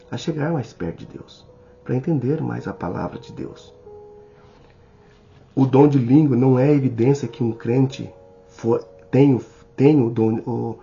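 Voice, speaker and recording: A man with a Brazilian Portuguese accent teaching a Bible study in a sermon style, speaking slowly and deliberately and addressing the listener directly. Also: medium pitch, warm tone. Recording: slightly dull recording with faint music.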